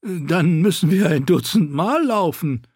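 A man voicing a sly, sharp-tongued male dwarf slave who switches between mocking orders and servile pleading, in an audiobook. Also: on the high side, animated, a little slow, slightly rough, no room sound, studio quality, pitched above the performer's own voice, full character voice. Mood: wheedling. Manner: alternates sarcastic orders with servile begging.

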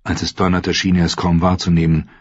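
A man narrating an audiobook in an even, steady storytelling manner. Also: low-pitched, a little fast, slightly rough, no echo. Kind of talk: scripted narration. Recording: dry, dull lo-fi audio.

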